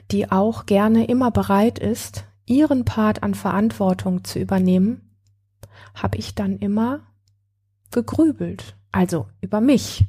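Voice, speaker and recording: A wounded, bitter woman confiding about her ex-partner, as a woman reads her out in a spoken story. She talks slowly and broods, her voice soft, breathy and mellow. Her bitterness comes through in blunt curses. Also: mid-range voice. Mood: brooding. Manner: brooding, then bitter and cursing. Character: hurt, angry woman betrayed by her ex-partner. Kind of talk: read-aloud story.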